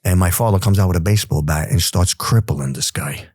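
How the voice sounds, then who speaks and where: A man's voice: low-pitched, brisk, slightly rough, dry recording, studio quality. A man in his forties with a New York accent, telling stories from his past in a casual, streetwise interview manner. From New York City. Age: 40s. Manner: streetwise, animated, says "bro" and "you know". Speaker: guest.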